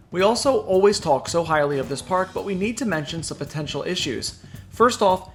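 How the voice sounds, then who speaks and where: Male narrator, high-pitched voice, scripted online video voice-over, clearly presentational and enunciated. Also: slight background noise. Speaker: theme park news video narrator.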